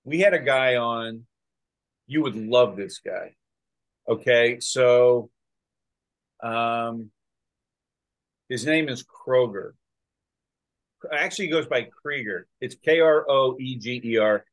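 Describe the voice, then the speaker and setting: Excitable male podcast host. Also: medium pitch, takes it slowly, long pauses. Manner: excited, talks in bursts with many restarts. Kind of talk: casual chat.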